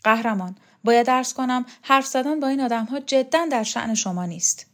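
A woman's voice: fairly high pitch, pitched above the performer's own voice, natural voice. A woman reading as a haughty, pompous man. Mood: indignant. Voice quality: haughty, formal. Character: pompous middle-aged man, proud scholar.

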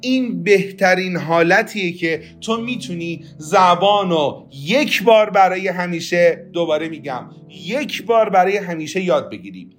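A man teaching English on a podcast, saying each practice phrase slowly and clearly so the listener can repeat it. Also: high-pitched, lively intonation, faint music behind.

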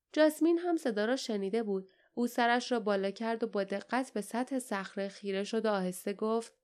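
A woman reading an audiobook in an even, measured storytelling manner. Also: medium pitch, clear, resonant tone. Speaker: audiobook narrator. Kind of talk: scripted audiobook narration.

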